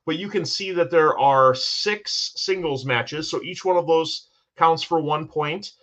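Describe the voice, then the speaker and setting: A man's voice: fairly high pitch, fairly bright tone, muffled recording. A man hosting a casual sports podcast, talking in an enthusiastic, rambling way with many restarts as he recaps match scores. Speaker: host.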